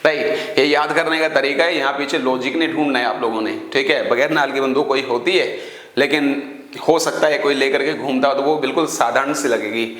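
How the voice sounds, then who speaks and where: A man's voice: mid-range voice, fairly even intonation, fairly quick, fairly bright tone, echoey room. A man teaching English vocabulary to exam students, explaining words through memory tricks and asking questions he then answers himself. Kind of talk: online class teaching.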